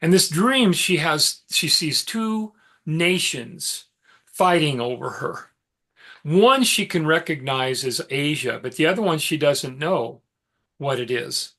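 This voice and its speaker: A middle-aged man teaches a mythology session, slightly higher-pitched than most men. He tells the story loosely, with asides and filler words, like he's chatting with the class. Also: expressive, slow pace, bright, forceful tone. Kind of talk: informal lecture storytelling.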